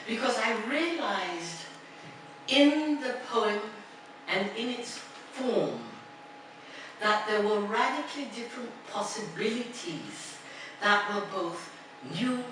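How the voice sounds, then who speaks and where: An older woman from Ghana giving a lecture at a podium in a large hall, first chanting a poem in a slow, rhythmic way, then telling stories in a reflective tone. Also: mid-range voice. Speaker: alumni speaker. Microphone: podium mic, recorded from a far camera. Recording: distant, very echoey hall recording with noise.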